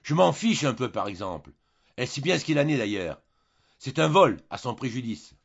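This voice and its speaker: A man voicing an indignant, greedy young husband who shouts in outrage, in a slightly dull recording. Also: medium pitch, very animated, a little slow, vocal fry, slightly rough, voice pushed up, exaggerated voice. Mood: furious.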